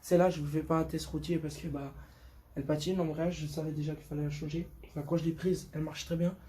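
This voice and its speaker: This 15-year-old vlogger from Portugal talks quickly about his motorbike, his slightly high, mellow voice showing little pitch movement. The chat is unscripted and slangy, with words repeated for emphasis. The audio is clear, with some background noise.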